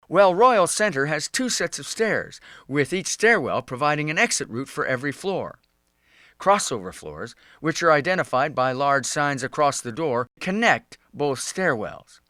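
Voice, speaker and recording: A man narrates a scripted instructional piece. His voice sits a little higher than most men's. The delivery is measured and instructive throughout. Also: pushed and bright. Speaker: safety video narrator.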